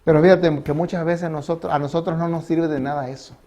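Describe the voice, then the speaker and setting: A pastor delivers his sermon in a noticeably high voice, stopping often to ask his listeners questions. He acts out little quotes as he goes, moving between loud calls and quiet asides. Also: fairly even intonation, brisk. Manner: preaching with rhetorical questions and acted quotes.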